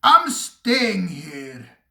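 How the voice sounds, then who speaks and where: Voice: medium pitch, takes it slowly, gravelly, sharp tone, heavily acted. A reader voicing a sulky, self-pitying steam engine that grumbles and complains, read from a storybook in a roomy space. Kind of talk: storybook reading.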